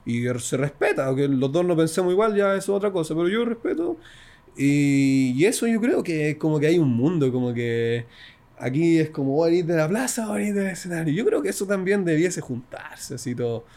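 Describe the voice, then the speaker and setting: Animated young Chilean man, higher voice. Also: fairly quick. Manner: slangy, animated storytelling with shouted imitations. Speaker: freestyle rapper guest. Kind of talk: casual interview chat.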